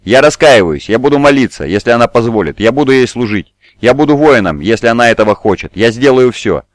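A man's voice: medium pitch, lively intonation, fast talker, no echo, studio quality, close to an everyday voice. A man voicing a frightened adult man who argues and begs anxiously. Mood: pleading. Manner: anxious, pleading. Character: frightened grown man, pleading engineer.

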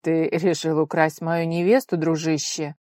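A woman voicing a stern, jealous young male suitor who speaks curtly and loudly. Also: sits low, flat delivery, moderate pace, gravelly, no echo, clean studio sound. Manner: curt, loud and commanding.

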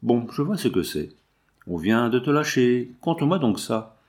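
A man reading aloud as a calm young medical intern who teases his friend with dry irony. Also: medium pitch, normal speed, natural voice. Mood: ironic. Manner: dry, ironic. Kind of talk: audiobook reading.

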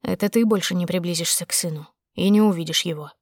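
A woman reading an audiobook and voicing a cold, contemptuous husband who is sometimes harsh and sometimes quietly menacing. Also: fairly low pitch, quick pace, no echo, studio quality, voice pushed down. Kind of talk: audiobook character voice.

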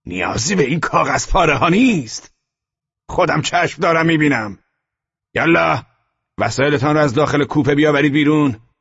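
A brutal SS officer barks and jeers in a high, strained shout, stretching each word with scorn, as a male narrator puts him on. The voice keeps a husky grain, and the recording sounds dull and lo-fi. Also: big pitch swings, exaggerated voice. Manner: barking, drawn-out mocking shouts. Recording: dull lo-fi audio.

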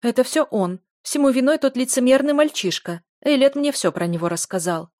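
A woman reading an audiobook, voicing an imperious noble mother who scolds and insists in a raised, high voice. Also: lively intonation, a little fast, darkish tone, dry recording, studio quality. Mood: scolding.

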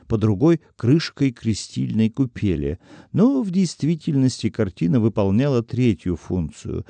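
A man narrating an audiobook in an expressive storytelling manner. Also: medium pitch, no room sound.

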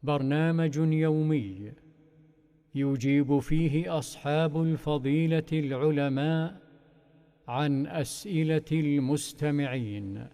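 Smooth, unhurried man announcing in Standard Arabic. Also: on the high side, mellow. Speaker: radio program announcer. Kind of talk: scripted formal Standard Arabic program introduction. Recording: long reverberant echo on voice.

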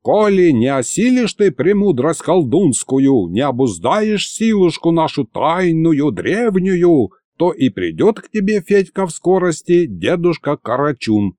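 A man's voice: fairly high pitch, sing-song, measured pace, few pauses, darkish tone, no echo, studio quality, pitched above the performer's own voice. A man doing a gloating ancient sorcerer. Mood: gloating pompous. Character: ancient sly lecherous male sorcerer, gloating.

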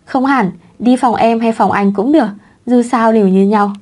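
A woman's voice: fairly high pitch, moderate pace, a little mellow, lightly acted. Woman reading as a playful clingy young husband. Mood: teasing.

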